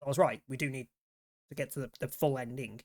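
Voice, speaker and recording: A man's voice: medium pitch, steady tone, quick pace, a little mellow. A man streaming a game, rambling casually and swearing freely as he chats. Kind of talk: casual gameplay commentary.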